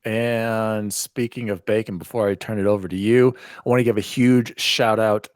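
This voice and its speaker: A man hosting a casual gaming podcast, excitable and laughing through his shout-outs. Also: lowish voice, normal speed, no room sound, clean studio sound. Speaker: podcast host.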